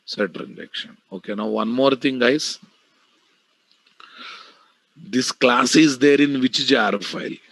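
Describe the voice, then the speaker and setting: Slow, creaky Telugu-accented Indian man teaching. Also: medium pitch, no echo, rough recording. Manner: repeats key phrases, addresses class bluntly. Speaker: programming teacher. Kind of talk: live online technical lecture.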